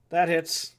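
A man's voice: a bit bright, a little hiss or hum. A man acting as game master, casually narrating a tabletop game and ruling on turns.

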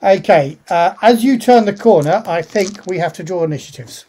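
A man running a tabletop roleplaying game as game master, speaking in a hesitant, halting way. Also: high voice, animated, darkish tone.

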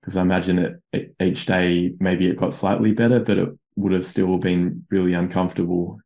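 Deep, flat, gravelly man. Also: normal speed.

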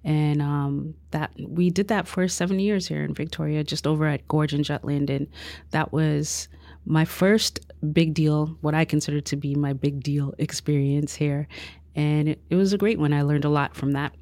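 Woman, low voice, dry close sound, modest, good-humored, community organizer. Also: steady tone, moderate pace, a little mellow, dry recording. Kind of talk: interview answers.

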